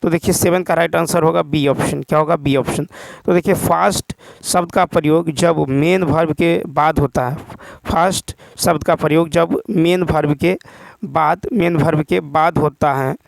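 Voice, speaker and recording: A man's voice: fairly high pitch, fairly even intonation, measured pace, vocal fry, dry recording. A male teacher, giving an exam-prep lecture and going through answers, often repeating points and asking and answering his own questions.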